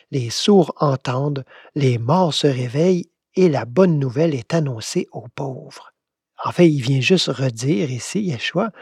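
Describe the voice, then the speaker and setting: Man, Québécois accent, husky, gravelly, dry close sound, reflective Bible teaching. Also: a little high, darkish tone, dry recording. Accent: Québécois French. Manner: reflective, questioning, unhurried. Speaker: spiritual teacher. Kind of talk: conversational Bible commentary.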